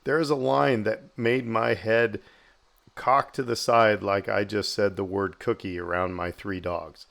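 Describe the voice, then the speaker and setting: A man with a low, gravelly voice trades theories as a podcast co-host. He talks in quick, animated bursts and keeps circling back to his point. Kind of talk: casual chat.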